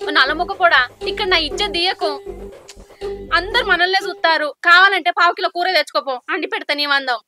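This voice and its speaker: A woman, scolding in hushed tones in a village comedy sketch. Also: extremely high pitch, fast, music in the background. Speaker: comic actress.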